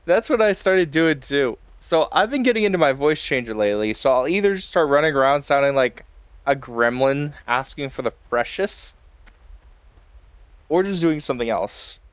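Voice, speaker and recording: A man's voice: on the high side, animated, normal speed, clear, resonant tone, no echo, muffled recording. A man streaming a game, chatting casually and rambling with lots of fillers and chuckles. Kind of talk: casual live-stream chat while playing.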